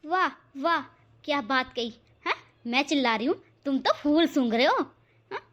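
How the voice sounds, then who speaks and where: A woman voicing a quick-tempered young wife who scolds and shouts sarcastically in a cartoon. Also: sits high, lively intonation, dull audio. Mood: angry. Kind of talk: cartoon voice acting.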